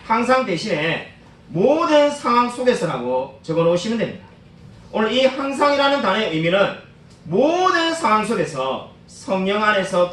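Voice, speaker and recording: Lively high-voiced male pastor preaching. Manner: earnest, addresses congregation directly. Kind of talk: sermon. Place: church sanctuary. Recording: roomy, distant church hall.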